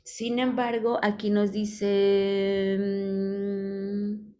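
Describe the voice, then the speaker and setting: A woman's voice: medium pitch, flat delivery, very slow, dark tone, faint music behind. A Mexican woman guiding students through an online class. She reads instructions from the screen and explains them patiently, with an affectionate tone toward her students. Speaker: virtual class advisor.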